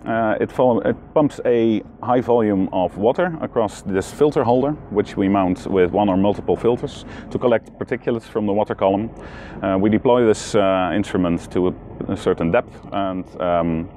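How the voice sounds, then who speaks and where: A middle-aged man, a scientist, demonstrating a pump on a yacht deck, halting with fillers. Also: on the low side, mellow, slight background noise. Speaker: research scientist.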